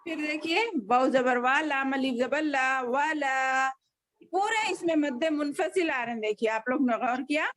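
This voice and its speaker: A woman's voice: high-pitched, unhurried, fairly bright tone. A woman teaching a children's Quran class over a video call, patiently spelling out each letter and vowel.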